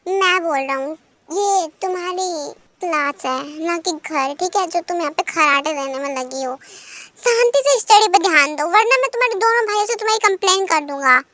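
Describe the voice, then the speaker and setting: A stern, nagging male schoolteacher who lectures without pause, as a woman puts him on. The voice stays high and bright, in a dry, close recording of a homemade audio story. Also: animated, no echo, exaggerated voice. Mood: scolding. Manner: scolding, lecturing. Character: strict, nagging male schoolteacher, middle-aged.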